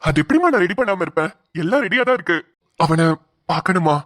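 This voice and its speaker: A woman's voice: fairly low pitch, animated, quick pace, fairly bright tone, no room sound, clean studio sound. A woman voicing a bossy cartoon big brother. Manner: bossy, teasing orders. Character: bossy, cheerful older brother, a grown man. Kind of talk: cartoon voice acting.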